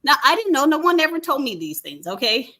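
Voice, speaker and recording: A woman hosts a candid conversation. Her voice is bright and sits a little high. She tells stories with animation, acting out quotes and laughing often. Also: big pitch swings, a little fast. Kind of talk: candid casual talk-show chat.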